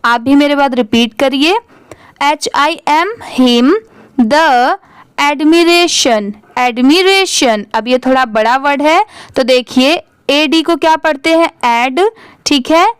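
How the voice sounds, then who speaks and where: Young woman, patient reading teacher, drawls words, asks then answers herself, slow pace. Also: sits high, no echo. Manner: spells words letter by letter, then drawls them out slowly. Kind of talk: slow spelled-out reading lesson.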